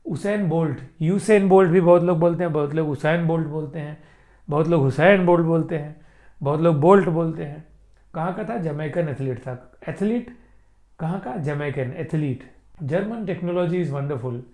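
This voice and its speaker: A man talks through an English grammar lesson in a slightly higher voice. He reads each example sentence slowly and carefully. Then he puts questions to his listeners and answers them himself. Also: warm tone. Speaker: English teacher. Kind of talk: Hindi-language grammar lesson.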